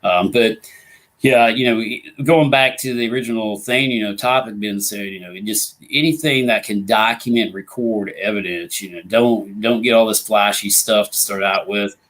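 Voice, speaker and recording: Still recovering from being sick, a Midwestern American man talks at a moderate pace in a lowish, fairly bright voice that's coming back. He hosts a casual live ghost hunting show and rambles, filling gaps with "you know."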